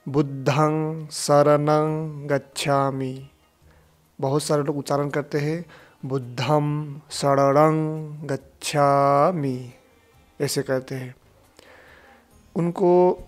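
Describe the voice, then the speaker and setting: Male Buddhist teacher, fairly high voice, unhurried and careful, models each syllable over faint background music. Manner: slow, deliberate, chants and repeats syllables to model them. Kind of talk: pronunciation lesson.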